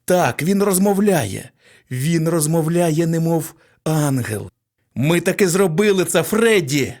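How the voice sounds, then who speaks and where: A man voicing a loud, excitable male surgeon who exclaims boisterously. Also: a little high, moderate pace, pitched above the performer's own voice, close to an everyday voice. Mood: jubilant.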